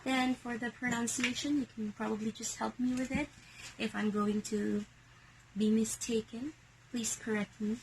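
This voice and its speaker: A Filipino woman in a casual vlog, showing and selling secondhand bags in a hushed, half-whispered voice. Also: fairly high pitch, little pitch movement, normal speed, background noise. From Philippines.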